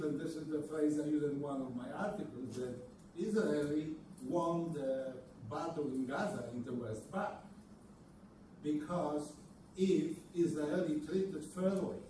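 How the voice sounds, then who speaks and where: A man in the audience poses a long, winding question, apologizing along the way. His voice is mellow and slightly higher than usual, heard from a distance in a very echoey room. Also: a little hiss or hum. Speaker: audience member asking a question.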